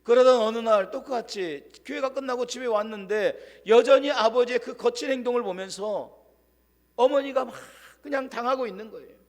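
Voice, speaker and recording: A male pastor preaching a sermon, telling a story dramatically and dropping to a hushed voice for quoted lines. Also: very high voice, moderate pace. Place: church sanctuary. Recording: long church-hall reverb.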